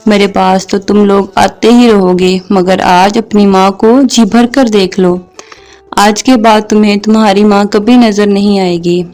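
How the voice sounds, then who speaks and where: A woman voicing a solemn, gentle male voice calling from inside a tomb. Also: medium pitch, steady tone, soft background music, lightly acted.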